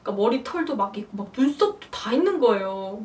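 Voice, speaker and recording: A young woman tells a personal story in a relaxed, chatty vlog. Her voice sits a little high and she acts out her own past lines with animated bursts. The recording has her a bit away from the microphone. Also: quick pace, distant mic. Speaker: vlogger. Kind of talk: casual storytelling to camera.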